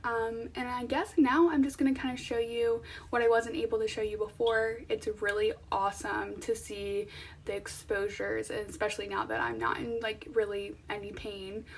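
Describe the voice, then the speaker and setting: A woman's voice: a little high, level tone, moderate pace, creaky, breathy edge, distant mic. A young woman talking casually to viewers in an informal, conversational vlog style. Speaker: vlogger. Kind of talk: casual chatty vlog to camera.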